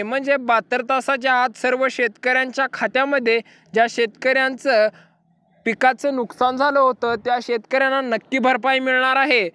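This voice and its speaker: A man's voice: extremely high pitch, sharp tone, smooth. A man with a Marathi accent explaining farm insurance news to farmers, repeating himself and calling his listeners farmer friends. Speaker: farm news channel host.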